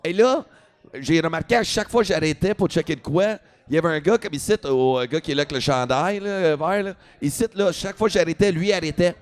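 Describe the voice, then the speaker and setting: A man's voice: on the high side, quick pace. A young adult man with a Quebec French accent, a comedian telling a story casually, swearing freely and mixing in English. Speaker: comedian guest. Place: podcast studio at a comedy festival.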